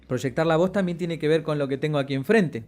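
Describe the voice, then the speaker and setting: A man giving a voice-training lesson, playing with his pitch and loudness and stretching out key words for emphasis. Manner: expressive, varies pitch and loudness on purpose, drawn-out emphasis. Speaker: voice and media instructor. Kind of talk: lecture on voice projection.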